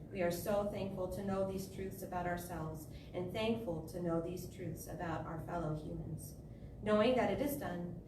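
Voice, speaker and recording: A woman with a lowish voice leads a live service at a spiritual center, reading candle lighting and guided prayer in a measured, solemn way and in short phrases. The recording sounds distant and echoey, with clear background noise.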